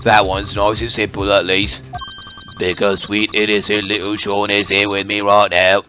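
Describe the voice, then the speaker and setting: A man's voice: on the low side, completely flat delivery, normal speed, pushed and bright, soft background music. A man voicing a mocking, gloating phone caller whose voice comes through a voice changer. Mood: taunting. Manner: smug, teasing, taunting. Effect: voice changer over a phone line. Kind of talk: fan voice-over of a game.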